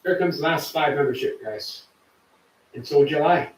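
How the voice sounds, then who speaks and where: A man hosts a live stream, chatting casually and warmly with viewers and reading their comments aloud. His voice is on the high side at a moderate pace. The low-quality recording sounds echoey and distant, with a little hiss or hum.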